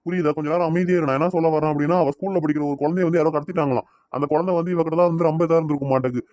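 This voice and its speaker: A man's voice: on the high side, steady tone, rapid-fire, darkish tone, close to an everyday voice. A man acting as a father who brushes off his wife's worries, speaking brusquely in an amateur family web drama. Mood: explaining. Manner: brusque, dismissive then explaining. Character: calm father hiding daughter's whereabouts.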